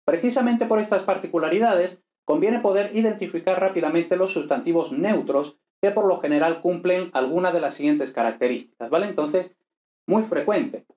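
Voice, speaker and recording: A man with a slightly high voice teaches a lesson in a relaxed, explaining way, often checking that his listeners follow. The room around him is echoey. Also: moderate pace. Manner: relaxed explaining with frequent "¿vale?" tags. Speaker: Latin teacher. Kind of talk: online lesson.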